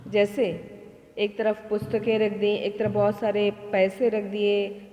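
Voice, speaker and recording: A woman teacher tells devotional stories in a storytelling lilt. She often poses a question and answers it herself, at a medium pitch. The sound is roomy, with a long hall reverb. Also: a little slow, a little hiss or hum. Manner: asks rhetorical questions and answers them, with a lively storytelling lilt.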